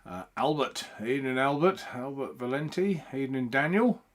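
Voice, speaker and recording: A man hosts a casual live stream from home, chatting in a loose, rambling way at a moderate pace. He's animated, and his pitch rises and falls a lot as he greets viewers by name one after another.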